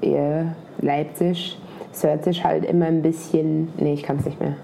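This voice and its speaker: A woman chatting casually as a podcast guest in German coloured by a slight American accent, with a creaky voice. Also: sits low, flat delivery, a little slow, mellow. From Franconia, Germany. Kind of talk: casual chat. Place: holiday apartment by the sea. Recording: clearly noisy location recording.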